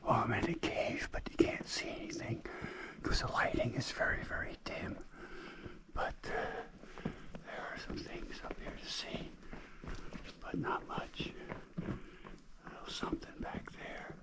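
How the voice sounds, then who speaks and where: A man giving hushed, whispered vlog commentary while walking inside a cave. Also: measured pace, pauses often. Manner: whispering, low and breathy. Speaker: travel vlogger. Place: inside a large dim cave.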